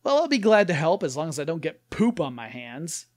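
A man's voice: fairly high pitch, very animated, brisk. A man voicing a young farm girl far from home, prim and incredulous, in a raised voice.

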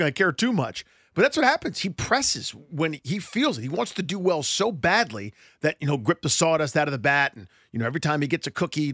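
A man's voice: fairly high pitch, fairly bright tone, no echo, clean studio sound. A man co-hosting a sports podcast, giving long, rambling analysis with many fillers and restarts. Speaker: podcast co-host.

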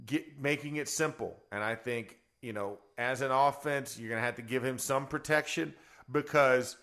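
A man's voice: medium pitch, moderate pace, a bit bright. A man who is a former offensive lineman, co-hosting a sports radio show in a rambling, chuckling way. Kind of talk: casual sports talk.

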